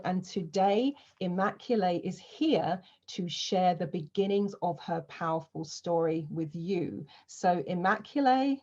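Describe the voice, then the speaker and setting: A woman host reading a measured introduction of a guest speaker. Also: on the low side, mellow. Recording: dull lo-fi sound.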